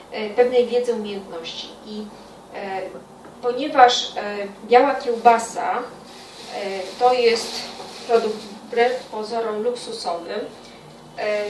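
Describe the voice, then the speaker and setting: A higher-voiced woman hosts a home cooking show, explaining things in an informal tutorial to the camera in a halting way with pauses mid-sentence. She stands in a small indoor kitchen by a window, and her camera sits on the counter a step off. The audio is distant, echoey, and full of loud kitchen noise.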